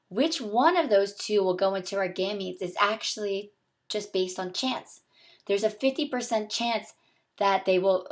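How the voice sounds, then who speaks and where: A woman's voice: medium pitch, gravelly. A young adult woman with a sore, throaty voice, patiently explaining step by step in a recorded video lesson. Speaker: biology teacher. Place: small home room with a window, indoors.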